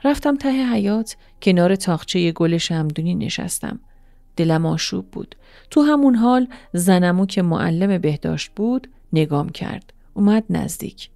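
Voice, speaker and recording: Woman softly narrating a story. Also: fairly low pitch, expressive, vocal fry, no echo. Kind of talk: first-person story narration. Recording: dry studio voice-over with soft music.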